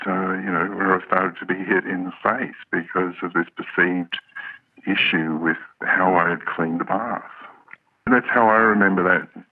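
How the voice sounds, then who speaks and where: A man with an electronically altered, disguised deep voice, speaking hesitantly as an interviewee on a radio program. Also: no room sound. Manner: hesitant, halting, many pauses. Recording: narrow, phone-like altered audio.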